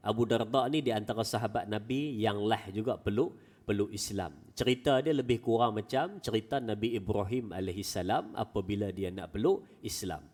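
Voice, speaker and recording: A male preacher giving a Friday mosque sermon as an animated storyteller with folksy asides. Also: on the low side, moderate pace, big-room sound. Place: small mosque prayer hall.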